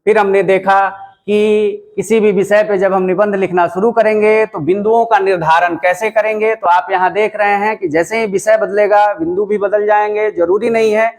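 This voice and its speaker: A man teaching a classroom lesson, explaining step by step and repeating points for emphasis, with a Bihari Hindi accent. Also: sits high. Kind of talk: classroom lecture. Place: classroom with a writing board.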